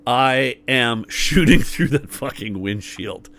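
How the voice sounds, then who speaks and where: A man's voice: medium pitch, slow pace, fairly bright tone. Laid-back man playing a tabletop game. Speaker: player.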